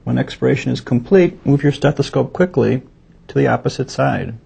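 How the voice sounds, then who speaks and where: Speaking a little fast, a male doctor guides students through a teaching demonstration step by step. His medium-pitched voice is husky and gravelly, with a dark, mellow tone and a steady, methodical delivery.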